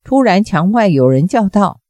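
A woman reading a martial arts novel aloud as a storyteller, raising her pitch for the characters' lines. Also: normal speed, dry recording. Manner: lively reading with raised pitch for quoted characters. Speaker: audiobook narrator.

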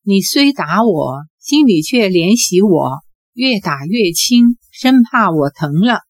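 A woman's voice: mid-range voice, very animated, slow, no room sound, full character voice. A woman voicing a cheeky, glib teenage boy in an audiobook, in a playful, wheedling manner. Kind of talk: audiobook character voice.

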